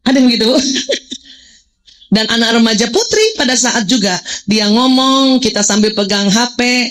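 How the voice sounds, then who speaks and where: A woman's voice: fairly high pitch, normal speed, fairly bright tone, poor audio. A woman in her forties giving a religious parenting talk to mothers, joking and quizzing the audience. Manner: playful, jokes and quizzes the audience.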